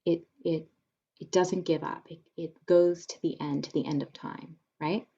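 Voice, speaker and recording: A woman with a low, steady, unhurried voice that is gravelly, warm and slightly rough leads a theater company presentation, heard through lo-fi sound. In a casual, filler-heavy informal lecture, she explains spellings and reads sonnets aloud.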